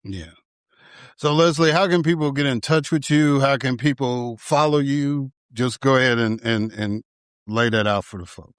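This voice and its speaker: A man from Chicago hosting an interview, speaking in a relaxed, conversational way and often restarting his phrases. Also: medium pitch, normal speed, clear, resonant tone, dry recording, studio quality. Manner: relaxed, conversational, stumbles over starts. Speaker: podcast host.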